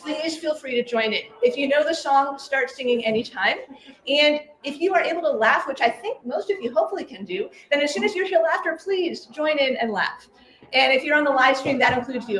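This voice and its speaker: A bubbly woman leads a live laughter meditation session, frequently laughing as she addresses the group. Her voice is high, brisk and fairly bright, captured in an echoey room with a live crowd present.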